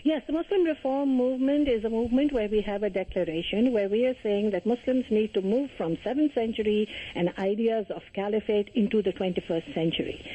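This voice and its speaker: An older woman from Pakistan, a guest calling in to a radio talk show, speaking earnestly and in measured phrases with frequent pauses. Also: mid-range voice, dark tone, slight background noise. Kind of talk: phone-in radio interview. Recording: muffled phone line.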